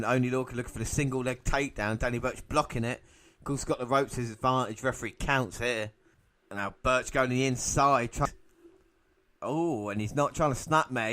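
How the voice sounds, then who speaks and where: Male podcast commentator, bright and forceful, excitable and quick to laugh. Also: medium pitch. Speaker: podcast co-host. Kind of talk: playful wrestling commentary.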